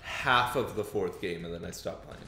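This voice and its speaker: A young man chatting casually over a co-op game, low and gravelly in tone. He keeps asking questions in a relaxed, curious way, and the recording has a noticeably echoey room sound. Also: normal speed, a little hiss or hum. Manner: curious, asks lots of questions, laid-back. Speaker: co-host of a gaming channel. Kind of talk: casual let's-play commentary.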